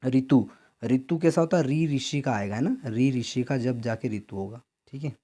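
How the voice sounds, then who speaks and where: A male teacher with a Madhya Pradesh Hindi accent runs an exam-prep lesson. His voice is mellow and warm, sitting in a middling pitch. He keeps asking his own questions and answering them, with a steady "theek hai" after each point. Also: moderate pace. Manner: repeats answers as questions to students; frequent "theek hai" check-ins.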